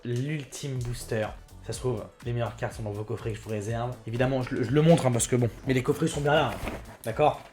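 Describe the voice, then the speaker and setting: Guy opening trading cards on his channel, chatty and hyped, talks to viewers, soft music behind. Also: mid-range voice, fairly even intonation, brisk. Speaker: card-opening video host. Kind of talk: casual card unboxing commentary.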